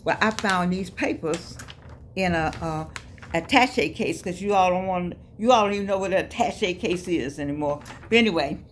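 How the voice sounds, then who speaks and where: Talking to the camera, this life coach vlogger in her 80s delivers homespun, sermonizing encouragement, circling back to the same phrases and addressing viewers as "baby." She speaks on the low side at a moderate pace, with slight background noise.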